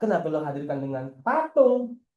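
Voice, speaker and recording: Male coach, casual and teasing, lively delivery, roomy echo. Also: a little high, normal speed, muffled recording. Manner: lively, slangy, teasing, asks rhetorical questions. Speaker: football coach. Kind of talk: casual internal coaching meeting.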